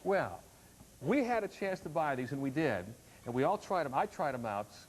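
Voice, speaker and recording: A man presenting products as a home shopping host, chatting through a live sales pitch in a conversational way. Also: very animated, moderate pace, slight background noise, rough recording. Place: TV studio demonstration set.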